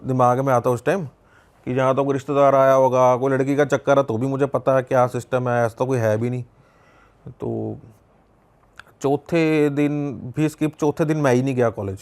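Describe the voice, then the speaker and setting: A young man with a Punjabi accent tells a personal story in a relaxed, conversational way. His voice has a gravelly edge, and he keeps repeating phrases and voicing the other people in it. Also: mid-range voice, moderate pace. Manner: conversational, lots of repetition and quoted dialogue. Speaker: podcast guest. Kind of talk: casual storytelling.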